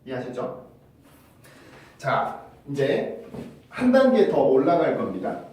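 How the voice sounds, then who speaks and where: A man's voice: medium pitch, wildly swooping pitch, slow pace, a little mellow, distant mic, slight background noise. Man teaching pronunciation in a roomy space. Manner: explains patiently, often asks "right?" and demonstrates sounds by repeating words. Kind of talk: pronunciation lesson. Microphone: camera-mounted microphone.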